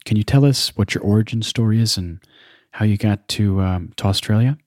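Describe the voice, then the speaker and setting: Male podcast host; very deep, dry-recorded voice; measured, reflective interviewer. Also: a little mellow, dry recording.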